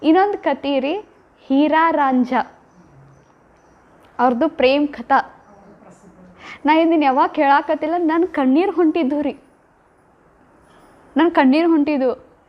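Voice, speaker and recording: A woman's voice: high voice, measured pace, pauses often. A woman giving a devotional talk, retelling love stories with emotive, acted-out lines. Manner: emotive, acts out quoted lines. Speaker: spiritual speaker. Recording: dull lo-fi recording.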